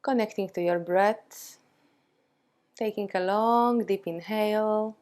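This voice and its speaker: A yoga and meditation teacher guides a meditation at a slow pace, calm and soothing, leaving long pauses between short phrases. Her voice sits in the mid range.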